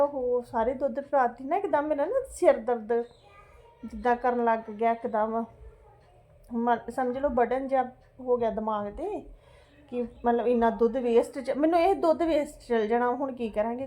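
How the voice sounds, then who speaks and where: A middle-aged Punjabi woman with a high, soft-edged voice tells a story to her vlog viewers. She is fretful and exclamatory, circling back over her points and tagging phrases with little questions for agreement. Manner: fretful and exclamatory, repeats herself, seeks agreement with tag questions. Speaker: home vlogger. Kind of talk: casual chatty storytelling to viewers.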